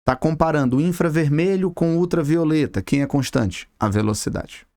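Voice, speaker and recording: A man's voice: on the high side, moderate pace, dark tone, dry recording, studio quality. Chatty Brazilian man teaching physics. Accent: Brazilian Portuguese. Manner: chatty, addresses viewer directly with slang. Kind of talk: video lesson. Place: classroom with a board.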